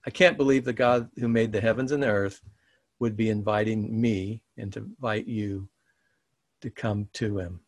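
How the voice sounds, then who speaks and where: A man preaching a conversational, earnest sermon and then reading a blessing slowly. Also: on the low side, fairly even intonation, dry recording, studio quality. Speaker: pastor.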